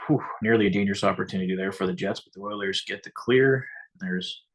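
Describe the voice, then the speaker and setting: Low-ish male voice, laid-back fan co-host, reads chat aloud, from Canada. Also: fast. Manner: relaxed, chatty, reads out viewer comments. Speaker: co-host of a fan game-watch stream. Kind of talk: casual live game chat.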